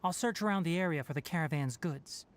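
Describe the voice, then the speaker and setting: An actor playing a calm, analytical young male forest watcher in a video game, measured, precise and businesslike. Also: a little high, background noise, natural voice. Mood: thoughtful. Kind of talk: scripted video game dialogue. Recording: game music behind the voice.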